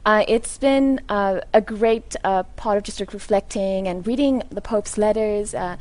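A woman panelist talking casually in a halting way, searching for her words. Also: mid-range voice, a little mellow. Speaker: reporter, panelist.

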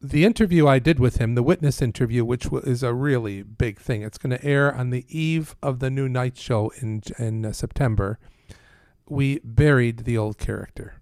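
A Canadian priest who works as a Vatican press aide speaks as an interview guest in a mid-pitched voice at normal speed. He is earnest and steady, praising people warmly and slipping in dry quips. The recording is dry and his voice sounds close.

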